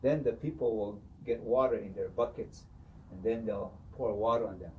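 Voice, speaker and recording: A man telling a traditional story in an animated way, often saying "you know". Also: fairly low pitch, moderate pace, phone-quality sound, slight background noise. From Hopi. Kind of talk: oral storytelling. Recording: distant mic with faint ambience.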